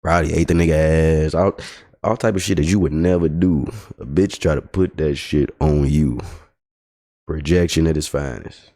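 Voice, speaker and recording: A man's voice: very deep voice, normal speed, mellow. A man livestreaming a casual, profane, exasperated storytelling rant. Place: home streaming setup.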